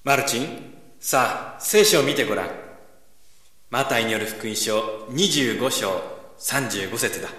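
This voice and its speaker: An actor playing a calm, kind divine figure who speaks gently in a radio drama. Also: male voice, medium pitch, unhurried. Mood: gentle. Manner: gentle, reassuring. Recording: echoey voice with long reverb.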